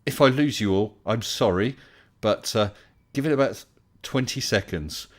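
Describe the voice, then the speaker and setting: A man's voice: fairly low pitch, expressive, moderate pace. A man hosting a casual live stream, chatting politely and welcoming people as they join.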